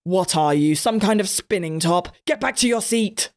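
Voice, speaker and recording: A woman's voice: mid-range voice, lively intonation, moderate pace, lightly acted. A woman voicing a cruel, podgy male school cook who bellows at the children. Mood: harsh. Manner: bellowing, gruff.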